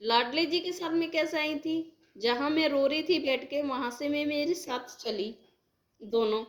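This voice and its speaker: A woman's voice: high-pitched, unhurried. A woman earnestly retelling a devotional dream to her followers in a rambling, heartfelt, casual way. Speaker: devotional storyteller.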